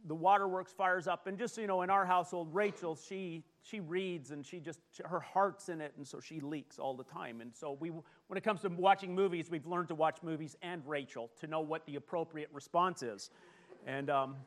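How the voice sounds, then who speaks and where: A middle-aged man preaching a sermon, animated and self-deprecating as he tells personal stories. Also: fairly high pitch, moderate pace. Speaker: pastor.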